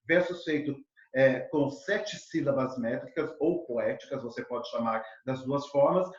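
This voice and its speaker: A male literature teacher gives a lively exam-prep lesson, full of fillers and speaking straight to his students. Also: on the high side. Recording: echoey, dull lo-fi room sound.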